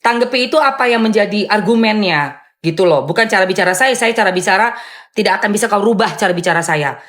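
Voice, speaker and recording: A woman hosting a live stream and answering viewer comments in a loud, firm, blunt way, with sharp emphatic rises on dismissive phrases. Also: medium pitch, lively intonation, fast. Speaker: live-stream host and content creator.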